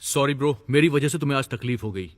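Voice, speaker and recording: A man's voice: mid-range voice, quick pace, big-room sound, lightly acted. An actor dubbing a carefree young man who brushes off worries and coaxes his partner. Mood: friendly. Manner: coaxing, dismissive. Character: carefree, coaxing young boyfriend. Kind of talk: Hindi film dub.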